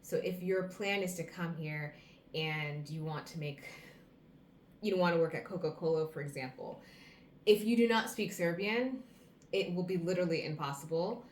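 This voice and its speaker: An American vlogger in her thirties talks casually to camera, offering earnest advice and listing items one by one. Her low-pitched voice moves at a moderate pace, and the recording has a roomy echo with a faint background hum.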